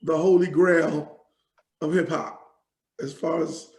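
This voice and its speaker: Gravelly New man, rambling. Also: on the high side, fairly even intonation, slow pace, darkish tone, echoey room, slight background noise, low-quality recording. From Jamaica, raised in New York. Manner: rambling, many fillers and restarts. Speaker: hip hop artist, guest. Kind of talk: casual interview talk.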